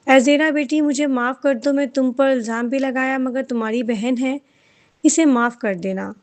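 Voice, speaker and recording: A gentle, anxious mother from a storybook, soft and pleading, read by a woman. The voice is high and stays close to the reader's own. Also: fairly even intonation, natural voice.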